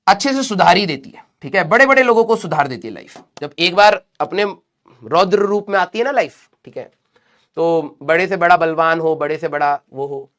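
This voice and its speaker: A male teacher speaks with a Hindi accent in a fairly high voice. He is unwell and talks slowly, but still lectures and scolds his students, calling them "beta.". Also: a bit bright. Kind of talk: lecturing students in a live class.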